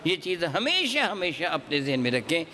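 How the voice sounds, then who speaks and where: A man teaching a Quran recitation class, chanting example verses slowly and quizzing his students. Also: on the high side, sing-song, bright, forceful tone, in a large hall, a little hiss or hum. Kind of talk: classroom religious lesson on recitation.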